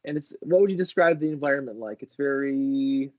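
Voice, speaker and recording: A man's voice: medium pitch, fairly quick, a little mellow, no room sound, dull audio. A chatty, eager man hosts a casual livestream chat over a video call. He trips over his words and restarts often. His voice sounds dry and close, with no room around it. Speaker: host.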